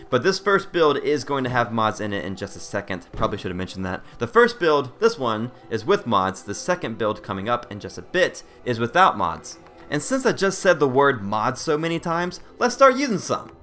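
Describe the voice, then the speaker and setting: A man with a mid-range, fairly bright voice hosts a casual game tutorial voice-over. His manner is conversational, joking, and self-deprecating.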